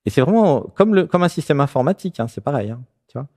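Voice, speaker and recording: This fast-talking French man has a fairly high voice and hosts a spiritual talk show. Animated as he guides a caller, he frequently checks in with "tu vois."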